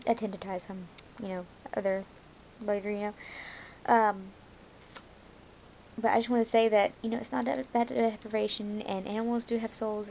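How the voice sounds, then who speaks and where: A woman's voice: mid-range voice, creaky, highs cut off, slight background noise. An American woman talking to her viewers in a casual vlog, rambling a little with fillers and self-corrections. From United States. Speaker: vlogger.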